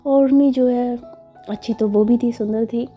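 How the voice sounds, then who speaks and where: A woman's voice: on the high side, steady tone, normal speed. A woman narrating a story casually and chattily, with frequent fillers. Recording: slightly dull with faint music.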